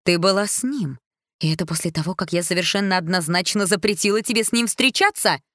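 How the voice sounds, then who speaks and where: A woman voicing a jealous, cruel queen who shouts and mocks in an audiobook. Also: quick pace, no room sound, studio quality. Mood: furious. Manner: shrill shouting and biting sarcasm.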